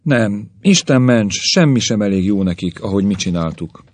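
A man's voice: on the low side, lively intonation, darkish tone, dry recording. A man voicing a grumbling old caveman grandfather who rants and complains about the young, in a story reading. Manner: querulous ranting.

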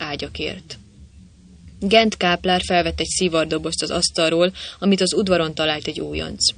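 Man reading an audiobook, humorous novel, ironic lively storytelling, bright tone. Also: on the high side, vocal fry. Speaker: audiobook narrator. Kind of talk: scripted narration of a humorous novel.

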